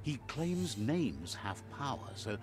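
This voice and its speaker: A man voicing a game's storybook narrator who relays a creature's words in calm, scripted narration. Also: medium pitch, slow. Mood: solemn. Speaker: game narrator. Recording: music behind.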